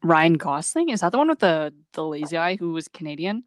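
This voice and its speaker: A woman's voice: sits low, very animated, fairly quick, a little hiss or hum. A young woman co-hosting a casual podcast chat, giggling often and rambling with lots of fillers. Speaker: podcast co-host.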